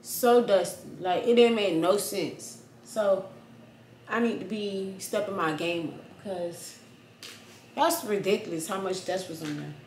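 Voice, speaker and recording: Young female vlogger, chatty and slangy, mid-pitch, roomy apartment echo, faint background hum. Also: measured pace. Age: young adult. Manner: chatty, talks straight to camera, slangy and animated. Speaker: lifestyle vlogger. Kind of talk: casual vlog narration. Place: apartment kitchen and living room, indoors. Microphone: handheld or propped camera at close range. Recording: echoey apartment room, faint ambience.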